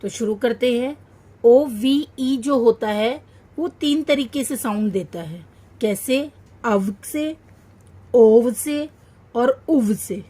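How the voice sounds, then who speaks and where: A woman teaching a children's phonics lesson, sounding out each syllable slowly and repeating every word. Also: a little high, dark tone.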